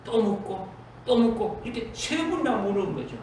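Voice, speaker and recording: A pastor preaches a sermon in a church sanctuary, emphatic and repetitive, frequently quoting Jesus directly. His voice sits high, sing-song and a little mellow, at normal speed. The recording is distant in an echoey church hall with faint noise.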